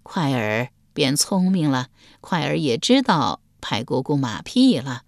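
A woman's voice: sits low, sing-song, measured pace, no echo, clean studio sound, exaggerated voice. A woman voicing a stern, imperious old empress dowager. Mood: measured. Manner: cold, imperious, scolding. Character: stern, shrewd elderly grand empress dowager.

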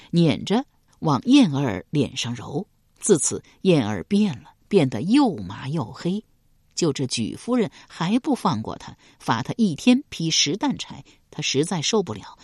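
Low, husky woman telling a historical tale. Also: no echo, clean studio sound. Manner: expressive, dramatic storytelling. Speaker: audiobook narrator. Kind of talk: historical novel storytelling.

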